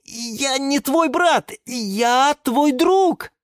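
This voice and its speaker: A woman's voice: high-pitched, extremely slow, dry recording, clean studio sound, pitched above the performer's own voice. A woman voicing an eager, friendly boy who exclaims a lot, reading a storybook. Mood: protesting.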